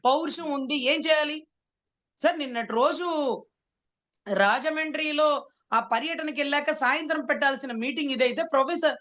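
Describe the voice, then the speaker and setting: With a high, slightly bright voice at normal speed, this woman advocate pauses often during heated political commentary. She has a Telugu accent, leans on rhetoric, and repeatedly says "sir" to her interviewer.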